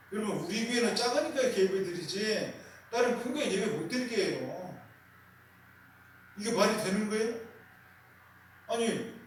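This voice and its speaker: A man's voice: high voice, slight background noise. A male pastor in a small church preaching a sermon, asking rhetorical questions and emphatically repeating key words. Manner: rhetorical questions with call-and-response. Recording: very echoey room, voice from a distance.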